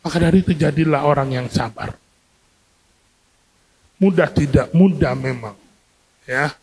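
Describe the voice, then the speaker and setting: A man preaching a sermon to a congregation, lively and questioning, acting out everyday scenes to make his point. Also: a little high, a little slow, slightly rough. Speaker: pastor. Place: church hall. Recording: long hall reverb from a church.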